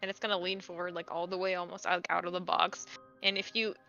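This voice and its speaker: A woman's voice: on the low side, little pitch movement, quick pace, vocal fry, pushed and bright, muffled recording, soft background music. A woman game master narrating a tabletop game in a casual, conversational way.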